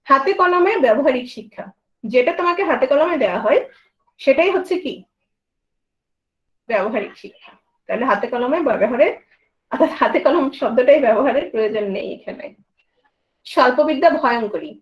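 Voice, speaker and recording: High-voiced woman teaching grammar. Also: rough recording. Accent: Bangladeshi Bengali. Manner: quizzing students with questions, then answering. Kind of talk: grammar lesson.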